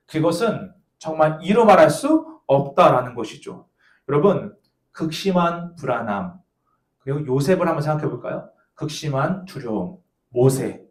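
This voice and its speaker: A man in his thirties preaching a sermon, telling a personal story in a playful, animated way and speaking straight to young listeners. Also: medium pitch. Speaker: pastor. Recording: echoey church hall.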